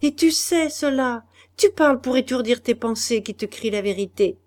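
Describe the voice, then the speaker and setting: Desperate young wife, grim and set on her choice, high and loud, pleading then harsh, as a woman reads her in an audiobook. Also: lively intonation, moderate pace, natural voice. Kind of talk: audiobook dialogue reading.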